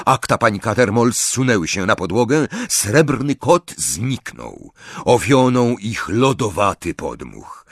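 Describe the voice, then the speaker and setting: A man's voice: on the low side, a bit bright, breathy edge, no echo, studio quality. A man narrating an audiobook in a dramatic, varied storytelling manner. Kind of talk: scripted narration.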